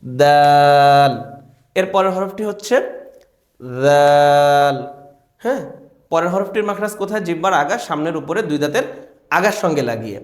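A man's voice: high voice, quick pace, fairly bright tone, roomy sound. A man teaching Quranic letter pronunciation in Bengali, repeating each letter and quizzing his viewers on it. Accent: Bangladeshi Bengali. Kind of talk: Quran recitation lesson.

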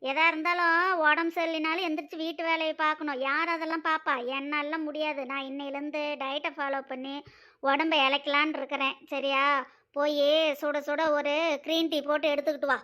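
A woman's voice: high voice, level tone, a little fast, sharp tone. A bossy scolding old mother-in-law. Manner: scolding, complaining. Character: bossy older mother-in-law, dieting and demanding. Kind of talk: cartoon voice acting.

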